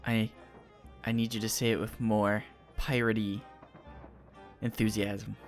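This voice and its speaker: A man's voice: fairly low pitch, flat delivery, measured pace, soft background music. A man hosting a gaming video, joking and giggling through casual banter.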